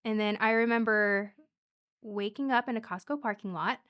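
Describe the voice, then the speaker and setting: Sex: woman. Role: dental hygienist, podcast guest. Pitch: a bit high. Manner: animated storytelling with frequent laughs, casual chat. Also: moderate pace, clean tone.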